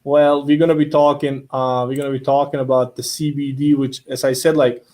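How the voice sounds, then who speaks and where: A man hosts a relaxed interview, his voice sitting at an average pitch. He talks in loose, friendly sentences, often stumbling and repeating words before he gets them out. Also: brisk. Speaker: host. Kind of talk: casual interview chat.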